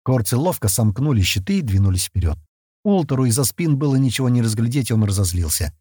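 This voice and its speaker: Husky, expressive male audiobook narrator. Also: medium pitch, fast, no room sound, studio quality. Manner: expressive storytelling. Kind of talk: scripted narration.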